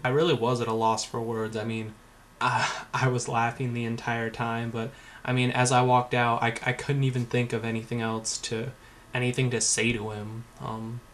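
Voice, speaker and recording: A man's voice: medium pitch, a bit bright, a little hiss or hum. A young man telling a story in a casual vlog, sarcastic and rambling, full of fillers and swearing. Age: young adult. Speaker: vlogger.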